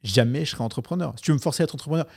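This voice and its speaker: A man's voice: a little high, rapid-fire, gravelly, darkish tone, breathy edge. A middle-aged man, a guest in a casual interview, talking candidly and animatedly and swearing freely. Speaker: investor guest.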